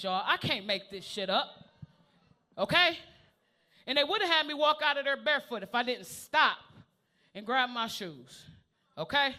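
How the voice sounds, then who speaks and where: A man in his thirties doing a loud, profane stand-up set on a comedy club stage, constantly calling out to the crowd. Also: extremely high pitch.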